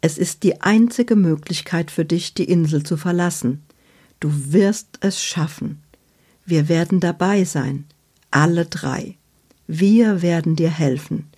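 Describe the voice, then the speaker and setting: A woman voicing a calm, gentle male gorilla who speaks softly and reassuringly. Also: fairly low pitch, unhurried, husky. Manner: soft, steady and reassuring.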